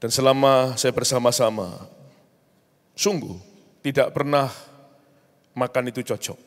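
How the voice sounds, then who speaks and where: A man's voice: medium pitch, measured pace. A man preaching, telling a personal story with emotional rises. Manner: storytelling, rising into emotional outbursts. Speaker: pastor. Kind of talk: sermon testimony. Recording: long hall reverb.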